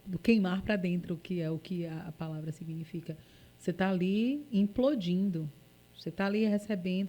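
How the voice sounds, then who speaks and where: A Brazilian woman, a journalist guest in a relaxed podcast chat. Her voice is mellow and warm, and she talks in a playful, expressive way with little jokes along the way. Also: fairly low pitch, a little hiss or hum. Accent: Brazilian Portuguese.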